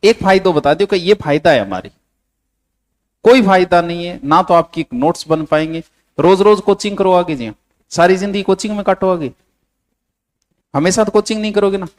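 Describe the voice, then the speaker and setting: A man's voice: high-pitched, expressive, moderate pace, long pauses. A man with a Rajasthani accent teaching a coaching class, dictating notes and bluntly scolding his students.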